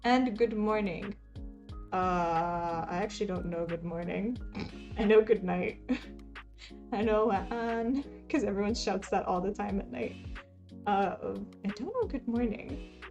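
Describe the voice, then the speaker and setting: Female live-streamer, from Palestine, easygoing and chatty while crafting; leisurely delivery, mid-pitched voice. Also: takes it slowly, dull audio, soft background music. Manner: laid-back, chatty, frequent soft laughs, reads chat aloud. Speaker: cross-stitch streamer. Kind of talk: casual live-stream chat. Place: home, lives in Taiwan.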